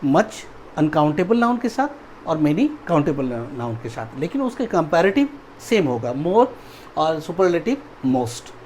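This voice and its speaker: A man's voice: fairly high pitch, sing-song, measured pace, darkish tone, slight background noise. A male teacher giving a grammar video lecture, spelling words out letter by letter and often asking whether the class has understood. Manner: keeps checking understanding with "ठीक है" and "समझ में आया?".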